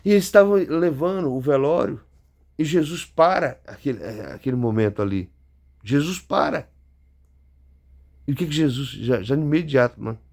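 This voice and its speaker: A man's voice: medium pitch, animated, moderate pace, gravelly, darkish tone. A man preaching a sermon, repeating words and addressing his listeners directly. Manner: repetitive, stammering emphasis, direct address to listeners.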